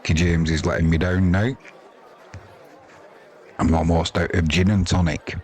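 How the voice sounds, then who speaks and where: A slightly slow, deep male voice with a flat delivery and a touch of mellowness. The older British speaker, 50s or older, is a sports commentator covering cricket ball by ball in a casual, chatty, rambling, colloquial way, with the crowd audible behind him.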